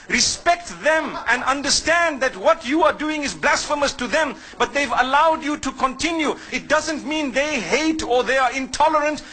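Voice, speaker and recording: A man's voice: very high voice, sharp tone, rough recording. A man from Zimbabwe giving a sermon as an Islamic preacher, speaking conversationally and putting questions to the listeners before answering them himself.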